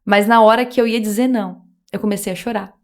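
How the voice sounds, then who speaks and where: A woman's voice: mid-range voice, fairly even intonation, fast talker. Earnest woman telling a faith story. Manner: earnest, emotional storytelling with quoted dialogue. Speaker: podcast guest. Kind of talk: casual faith testimony.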